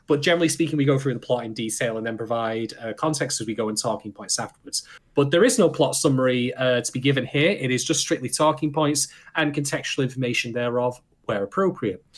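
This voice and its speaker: A man's voice: medium pitch, fast. Sarcastic man co-hosting a podcast. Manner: sarcastic, swears freely. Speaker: podcast co-host. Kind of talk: casual podcast chat.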